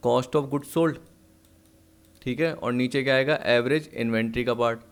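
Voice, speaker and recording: An accounts teacher works through exam questions in a lesson video, posing questions and answering them himself while slipping in English terms. He speaks in a smooth, mid-range voice with a steady tone and an unhurried pace, though he is occasionally short of breath.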